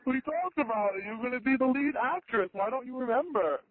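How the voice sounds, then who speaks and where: A woman using a voice changer to pose as a male caller named Frank, pressing a deadpan prank over the phone. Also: fairly high pitch, fairly quick. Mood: insistent. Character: fake caller posing as a man named Frank. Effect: voice changer morphing her voice. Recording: tinny phone line with faint hiss.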